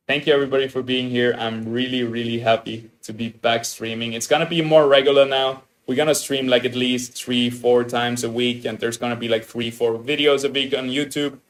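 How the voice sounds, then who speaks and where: A man with an Austrian German accent, a German native speaker, chatting casually as a live streamer and laughing at himself. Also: mid-range voice.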